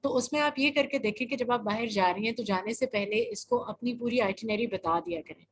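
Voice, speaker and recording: A woman specialist answering a parent's questions in a webinar, calm and advising, mixing in English phrases. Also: fairly high pitch, slight background noise.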